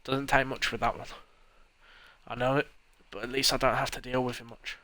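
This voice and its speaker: A man's voice: medium pitch, flat delivery, fairly quick, pushed and bright, no room sound, natural voice. A man reading a friendly male village printer from a game, in a cheerful neighbourly way.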